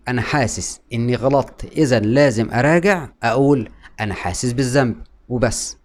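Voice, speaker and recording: A man with an Egyptian Arabic accent, giving a calm explanatory talk to camera as a mental health educator, often repeating key points and asking and answering his own questions. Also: medium pitch.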